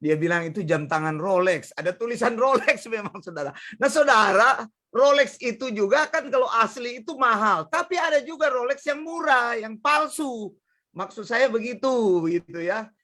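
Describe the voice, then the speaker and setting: A male pastor preaching a sermon in a lively storytelling manner, often chuckling and addressing the congregation directly. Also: very high voice, moderate pace.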